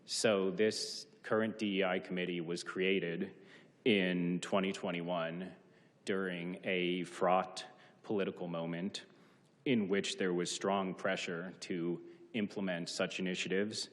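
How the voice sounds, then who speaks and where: A man with a very low voice delivers a formal public comment, short of breath as he argues his points. His prepared remarks ring out with the long reverb of a council chamber. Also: flat delivery, takes it slowly. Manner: formal, argumentative. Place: large indoor council chamber. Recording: reverberant hall sound.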